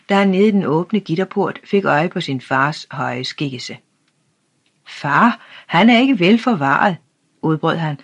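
Brief: audiobook narrator, plain and even, unhurried storytelling. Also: medium pitch, slightly rough.

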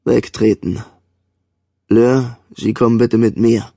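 Brief: male reader doing a hard-faced older commander, dark voice, dry sound, barking then grave and slow. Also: mid-range voice, steady tone, vocal fry, no room sound. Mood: solemn, measured. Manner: barks commands, then slow solemn speech.

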